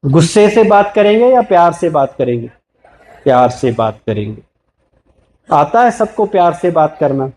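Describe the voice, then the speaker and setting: A man giving a spiritual talk to an audience, gently teaching and repeatedly asking listeners questions before answering them himself. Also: high-pitched, lively intonation. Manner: slow, gentle, repetitive teaching. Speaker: spiritual speaker.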